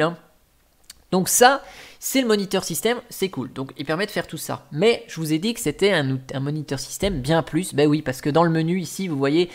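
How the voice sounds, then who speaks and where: A man hosting a tech tutorial, explaining an app in a casual walkthrough, talking in a chatty way with plenty of fillers and restarts. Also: fairly high pitch. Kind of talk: casual screen-recording walkthrough.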